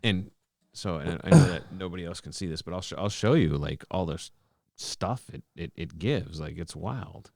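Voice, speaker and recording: A man's voice: deep voice, lively intonation, moderate pace, creaky, darkish tone, dry recording, studio quality. A man in his forties co-hosting a podcast, chatting casually and explaining at length with many restarts. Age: 40s. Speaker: podcast co-host. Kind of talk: casual chat.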